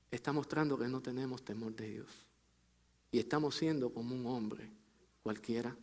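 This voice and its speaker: A male pastor delivers a sermon in a fairly high voice. He speaks straight to his congregation as brother and sister. His phrases build with emphasis, then sink low and quiet as each thought closes. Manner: preaching with rising emphasis and drops to a low, soft close on phrases.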